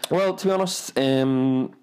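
Man, podcast co-host, casual banter, teasing, mid-pitched voice. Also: a little mellow, clean tone. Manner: teasing, playful, drawn-out phrasing.

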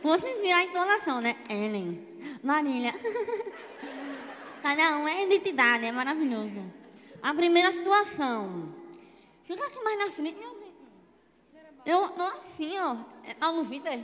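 Bright, high-voiced playful woman pastor. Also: lively intonation, moderate pace. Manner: playful, teasing, calls people "minha linda". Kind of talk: lively church game hosting. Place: church. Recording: echoey church hall, faint noise.

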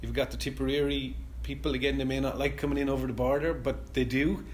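A middle-aged man speaks with a west of Ireland accent at a medium pitch. He talks conversationally, like a manager answering questions in an interview, with some background noise around him. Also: fairly even intonation, quick pace. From County Clare, west of Ireland. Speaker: company manager being interviewed.

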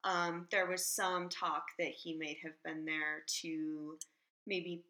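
A woman co-hosting a podcast, relaxed as she recounts the details of a case in casual chat. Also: deep voice, slow. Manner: relaxed storyteller, reads out search results. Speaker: podcast co-host.

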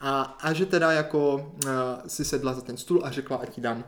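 A man's voice: mid-range voice, fairly bright tone. A man telling a long anecdote in casual chat, rambling and checking in with tag questions. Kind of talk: casual storytelling.

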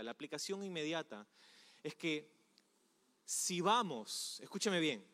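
Male pastor, sermon, conversational, rhetorical questions to listeners, fairly high voice, long reverb. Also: fairly bright tone.

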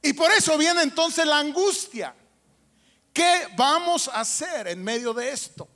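High-voiced preaching man, echoing hall. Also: expressive, unhurried, bright, forceful tone. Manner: emphatic preaching with rhetorical questions. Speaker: pastor. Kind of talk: sermon. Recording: long hall reverb.

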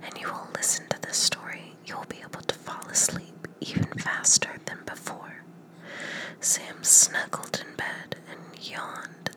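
A woman podcaster whispering a bedtime story meant to send the listener to sleep, softly repeating words over and over. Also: poor audio. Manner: soft whisper, slow hypnotic repetition of words.

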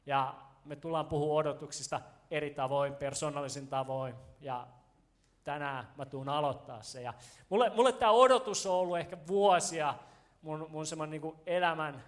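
Male pastor, high-pitched, animated storyteller who grows loud when excited, casual joking sermon to a congregation. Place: church stage before a congregation.

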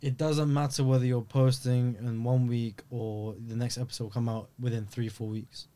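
Medium-pitched man, chatting casually. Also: level tone, normal speed, dark tone. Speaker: interviewer. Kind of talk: casual chat.

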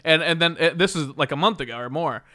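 A man's voice: a little high, quick pace, bright, forceful tone. A man hosting a comedy podcast, chatting casually and rambling while explaining a game. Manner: rambling, restarts, laughs often. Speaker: podcast host.

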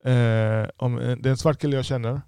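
A business owner with a lisp, giving a blunt, profane podcast monologue. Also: male voice, medium pitch, steady tone, vocal fry, warm tone, clear, resonant tone, dry recording.

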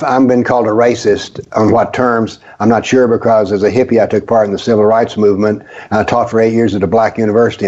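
A man's voice: fairly low pitch, a little mellow. An older man from the American South, a guest author on a radio talk show, telling stories with a wry, sarcastic edge. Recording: dull lo-fi audio.

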